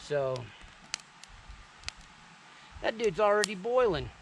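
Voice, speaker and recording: A relaxed man in his thirties talks viewers through his camp kitchen in a forest clearing, his voice sitting a little high. He chats loosely, calling out "you guys", with a faint outdoor hiss behind him. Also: takes it slowly. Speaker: vlogger showing camping gear. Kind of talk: casual outdoor demonstration. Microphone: camera on a tripod and handheld selfie camera.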